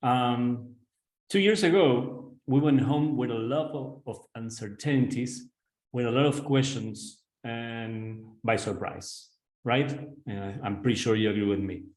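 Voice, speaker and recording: A man's voice: medium pitch, a little slow, darkish tone, reverberant, poor audio. A man from Argentina with an Argentine Spanish accent, an executive coach giving a webinar presentation over a video call, earnest and direct, often checking in with "right?". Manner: earnest, addresses audience directly, frequent "right?" tag questions.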